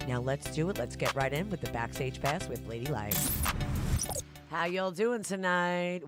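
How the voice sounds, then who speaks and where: A woman hosting a live talk show, effusive and chatty, full of shout-outs. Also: lowish voice. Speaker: radio show host.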